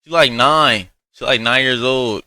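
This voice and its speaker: A young man reacts in loose, profane, offhand chatter, his voice bright and forceful. The sound is dry and close to the mic. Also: mid-range voice, unhurried, clear, resonant tone, dry recording. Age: young adult. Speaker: reaction streamer. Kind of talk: casual reaction commentary.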